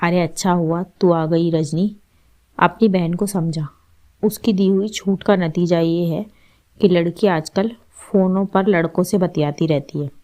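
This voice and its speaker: A woman's voice: on the low side, steady tone, a little slow, close to an everyday voice. Woman reading as a taunting old mother-in-law. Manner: taunting, sharp-tongued. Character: stern scolding older mother-in-law.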